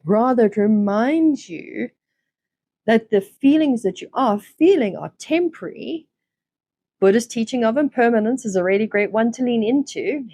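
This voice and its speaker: Calm woman giving a self-help talk. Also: on the high side, no echo. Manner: gentle, conversational, with many fillers and restarts. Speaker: self-development podcast host. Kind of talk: reflective teaching monologue.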